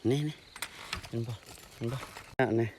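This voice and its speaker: A man with an Isan accent, talking casually through an outdoor fishing vlog, murmuring low and exclaiming when something is caught. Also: moderate pace. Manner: mumbled low commentary, excited exclamations at catches. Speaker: vlogger. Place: outdoors in the countryside. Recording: noisy outdoor recording.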